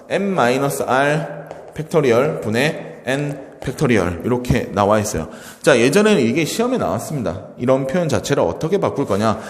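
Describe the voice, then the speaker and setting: A man teaching a high school math lesson in a lively way, asking and answering his own questions as he goes. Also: big-room sound. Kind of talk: classroom math lecture.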